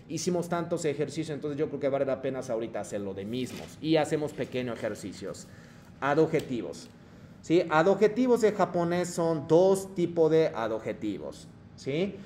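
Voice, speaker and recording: Hombre que enseña japonés en español. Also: male voice, fairly high pitch, darkish tone, a little hiss or hum. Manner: explanatory, checks in with "¿sí?" and "¿ok?"; mixes Japanese phrases into Spanish. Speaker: Japanese teacher. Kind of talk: online language lesson.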